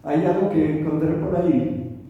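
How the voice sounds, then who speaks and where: A man preaching, telling stories in a halting way and repeating words. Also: fairly high pitch, steady tone, phone-quality sound. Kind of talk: sermon storytelling. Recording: echoey hall, from far off.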